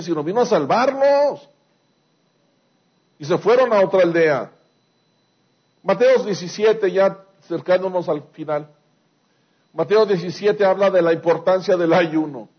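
A high-voiced man. He presses his points with rhetorical questions and repeated lines. The recording sounds dull and lo-fi. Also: slightly rough. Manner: emphatic preaching, rhetorical questions, repeats phrases. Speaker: pastor. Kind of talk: sermon.

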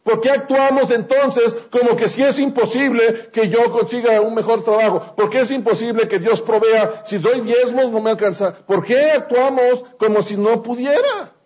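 Male pastor, high husky voice, dull lo-fi sound, emphatic sermon. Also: moderate pace, hardly any pauses. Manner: emphatic preaching, rhetorical questions, repeats phrases.

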